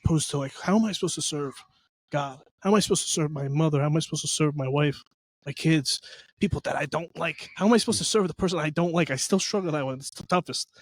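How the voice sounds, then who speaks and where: A man's voice: fairly high pitch, quick pace. A man with a New Jersey accent, hosting a casual faith podcast chat and talking earnestly in rambling runs full of fillers. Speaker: podcast host.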